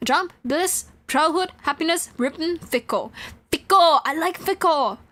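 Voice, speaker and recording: With a very high, fairly bright voice and a slightly slow delivery, a woman live streams a visual novel. She rambles playfully to her viewers and regularly sings nonsense syllables to herself.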